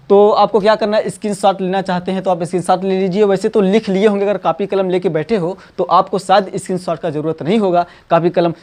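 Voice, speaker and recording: A man teaching math, coaxing students and repeating number names slowly. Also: high-pitched, a little mellow. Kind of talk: classroom lesson.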